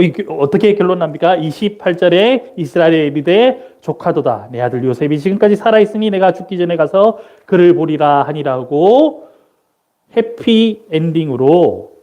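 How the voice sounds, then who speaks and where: A man delivers an interactive Sunday sermon in a church. His voice sits high and swings widely in pitch. He quizzes the listeners, then answers his own questions on the microphone. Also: warm tone, dull audio. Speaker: missionary preaching. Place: church sanctuary during a service.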